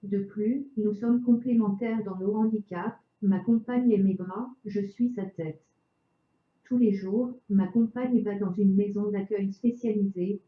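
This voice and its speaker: A synthetic woman's voice narrates a prepared script in a chipper text-to-speech manner. The pitch sits in an ordinary middle range and the words come out evenly articulated. The sound is dull and lo-fi, with a clear roomy echo around the voice. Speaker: video narrator. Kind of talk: scripted self-introduction narration.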